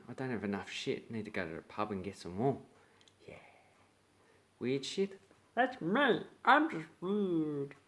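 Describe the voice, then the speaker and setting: A man's voice: fairly low pitch, fairly bright tone. A young man with an Australian accent, explaining slang in a blunt, playful way and acting out example lines. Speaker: slang teacher. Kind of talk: casual video lesson.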